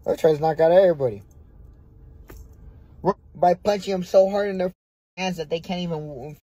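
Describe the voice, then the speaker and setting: This young American man, a boxer, is doing a casual livestream chat on a phone held close in a dim room at night. The lo-fi audio has no echo; his voice sits high and dark at a moderate pace, and he swears freely and repeats himself brashly.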